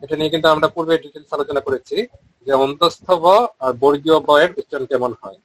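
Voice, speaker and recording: A man with a Bengali accent teaching Sanskrit pronunciation, explaining briskly and then chanting each word slowly and drawn out. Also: a little high, steady tone, no echo, poor audio. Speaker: Vedic recitation teacher. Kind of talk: online pronunciation lesson.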